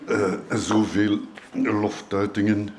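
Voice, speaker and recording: A man's voice: fairly low pitch, little pitch movement, slow pace, darkish tone, roomy sound, slight background noise. A man in his seventies with a Flemish accent, giving a hesitant acceptance speech full of fillers. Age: 70s. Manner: hesitant, shy, many fillers. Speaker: award recipient. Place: event hall.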